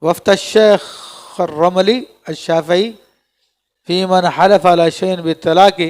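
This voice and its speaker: Reading Arabic aloud and then explaining every line, a man lectures a class on a text of Islamic law, regularly checking with "theek hai?" His voice is high, a bit mellow, and steady in tone.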